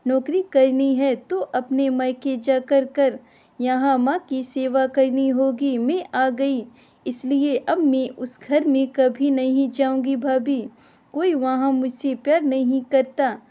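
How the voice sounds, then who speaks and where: A woman's voice: sits high, level tone, takes it slowly, highs cut off. Woman doing a spoilt, complaining young wife. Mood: aggrieved. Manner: complaining, self-pitying.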